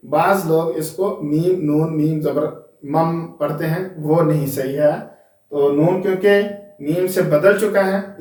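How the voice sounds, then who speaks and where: A man's voice: fairly high pitch, a little mellow. A man teaching Quran reading, spelling out each letter and vowel mark, then blending and repeating the syllables with short rule explanations. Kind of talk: slow spelled-out recitation lesson. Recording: echoey room, voice from a distance.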